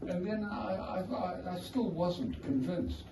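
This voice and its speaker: A man with a South African accent speaks slowly in a high-sitting voice with a dark tone, telling wry, wandering anecdotes at his own book launch. It's an informal talk to a crowd inside an art gallery. The recording is echoey, distant and noisy.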